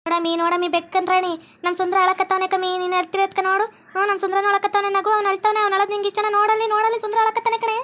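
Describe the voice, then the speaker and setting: North karnataka lady doing cartoon voices, quick scolding village talk. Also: very high-pitched, level tone, a bit bright, slight background noise. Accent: North Karnataka Kannada. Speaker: narrator voicing all figures. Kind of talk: cartoon voice acting.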